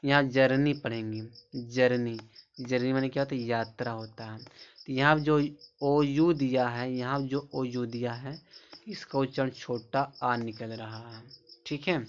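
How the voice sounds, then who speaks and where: A man's voice: medium pitch, fairly even intonation, unhurried. A man teaching English pronunciation in a classroom-style lesson, repeating each word several times and asking the learners rhetorical questions. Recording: slightly dull lo-fi sound with faint background noise.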